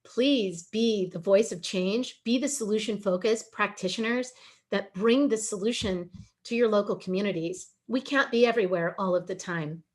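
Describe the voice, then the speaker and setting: Female webinar speaker, earnest and emphatic, average pitch, video call. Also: normal speed. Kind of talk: emotional presentation.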